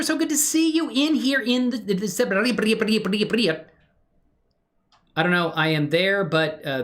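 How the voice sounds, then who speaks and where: A man with a high, slightly bright voice hosts a casual livestream, greeting viewers effusively. He then mutters and rambles in playful slang while screen-sharing his hobby 3D animation work like a tutorial.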